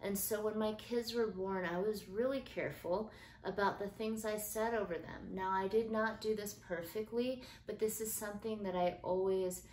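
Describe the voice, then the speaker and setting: A woman's voice: mid-range voice, steady tone, normal speed, a little hiss or hum. Earnest woman talking in an echoey room. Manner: earnest, gentle, uses fillers like um. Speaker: podcast host. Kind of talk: casual faith-based parenting talk. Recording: echoey room with faint ambience.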